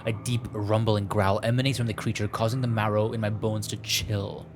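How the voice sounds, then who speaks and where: A man hosts a gameplay video, reading a visual novel aloud with playful, self-mocking commentary and stumbling over the text. His voice is lowish and level, a little fast. Music plays behind him, along with some background noise.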